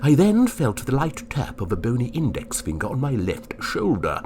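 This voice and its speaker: A man playing a wordy, politely bemused gentleman ghost, telling his story and acting it out. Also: mid-range voice, huge pitch swings, moderate pace, background noise. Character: genteel, fussy middle-aged English gentleman ghost. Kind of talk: first-person storytelling and acting.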